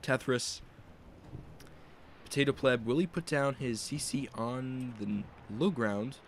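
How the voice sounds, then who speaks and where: Speaking at a measured pace in a medium pitch, this young man casts a strategy game as an esports commentator, guessing at every move live. There's slight background noise.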